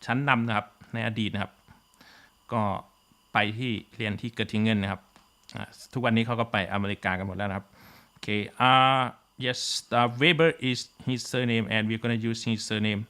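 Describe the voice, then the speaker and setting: A man's voice: mid-range voice, pushed and bright. A man teaching a physics class online, switching between Thai and English, with many "uh" fillers and a habit of checking in with "okay?".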